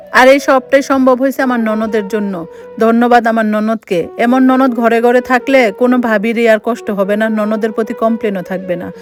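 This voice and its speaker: Woman storyteller. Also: on the high side. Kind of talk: first-person story narration.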